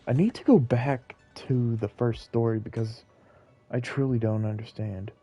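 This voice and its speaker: A man's voice: mid-range voice, steady tone, normal speed, warm tone. A man giving casual, rambling, self-deprecating live commentary as he streams a game, musing to viewers. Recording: game music behind voice. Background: video game music.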